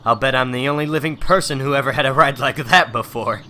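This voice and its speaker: A man's voice: mid-range voice, quick pace, sharp tone, slight background noise. A man voicing an earnest, brash young superhero with urgent exclamations, in a dramatic comic book reading. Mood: relieved.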